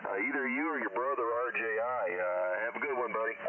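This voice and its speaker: A man's voice: mid-range voice, fast talker. Male ham radio caller leaving a friendly voicemail through a noisy, hissy phone patch. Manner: casual, friendly, with many fillers. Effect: heard over a phone patch. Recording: tinny phone line, distant, noisy.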